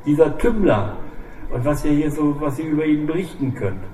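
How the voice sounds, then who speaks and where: A man voicing a calm, ruthless old gunman who threatens quietly. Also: fairly high pitch, moderate pace, voice pushed up, natural voice. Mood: cold calm. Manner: quiet, soft-spoken menace. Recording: echoey room, distant mic, faint hiss.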